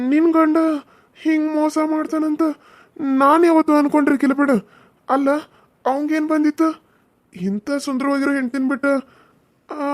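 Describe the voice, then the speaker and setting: A woman's voice: high-pitched, no echo, natural voice. A woman playing a worried young man friend. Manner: sympathetic, questioning. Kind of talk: cartoon voice acting.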